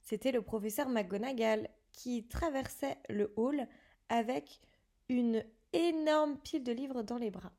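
A woman's voice: a little high, measured pace, mellow. A woman reading a novel aloud in an unpolished way, correcting herself as she goes. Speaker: reader.

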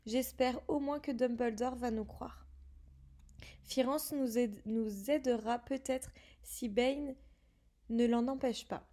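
A woman's voice: a little high, steady tone, takes it slowly, mellow. A woman voicing an earnest young schoolboy wizard who presses his questions urgently.

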